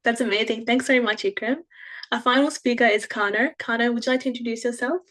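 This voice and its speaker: A woman's voice: fairly high pitch, fairly even intonation, fast, fairly bright tone. A young woman moderates an online panel, introducing speakers in an encouraging way. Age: young adult. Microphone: online video call.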